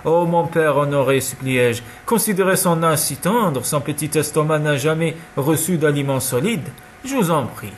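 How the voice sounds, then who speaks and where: A man's voice: fairly high pitch, normal speed, slight background noise, natural voice. A man reading as a dutiful young wife and mother who humbly pleads with her father. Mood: pleading. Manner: humble, imploring.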